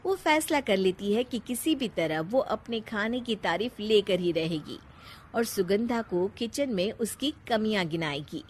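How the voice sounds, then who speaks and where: A woman narrating a scripted story in an animated, expressive way, with a teasing manner as she addresses the listener. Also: medium pitch, unhurried, a little hiss or hum.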